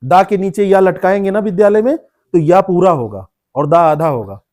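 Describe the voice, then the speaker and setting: A man's voice: high-pitched, normal speed, darkish tone. A man teaching a classroom lecture, explaining word meanings, repeating terms and quizzing students by name. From India.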